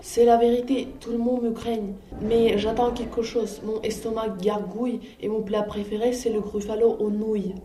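A woman's voice: on the high side, flat delivery, normal speed, few pauses, lightly acted. A woman voicing a small, clever, bold mouse who tricks others in a storybook reading. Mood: sly. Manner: cunning, confident, teasing. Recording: roomy, distant, faint noise.

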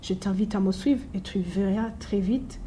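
A woman doing a lively, clever little mouse. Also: mid-range voice, moderate pace, slight background noise, close to an everyday voice. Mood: confident. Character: small, clever, bold female mouse. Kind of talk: storybook reading.

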